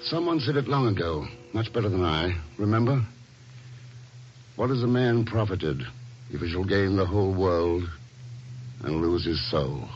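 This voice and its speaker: An actor playing a cool, unflappable secret agent in an old radio drama, measured and authoritative. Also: male voice, deep voice, lively intonation, darkish tone. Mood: grave, confident. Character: cool, unflappable middle-aged male secret agent hero. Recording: noisy, muffled vintage radio recording.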